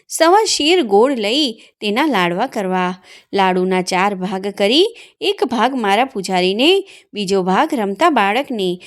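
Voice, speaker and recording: A woman narrates a devotional fasting tale in an even, recited manner. Her voice sits fairly high. She keeps a steady storytelling pace.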